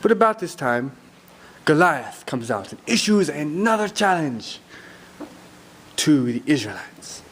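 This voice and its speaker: A man with a fairly high voice retells a Bible story as a comedy. He teases his listeners with playful asides. Faint room ambience sits behind him. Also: sing-song, measured pace, pauses often, a bit bright, a little hiss or hum. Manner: playful, teasing asides to the audience.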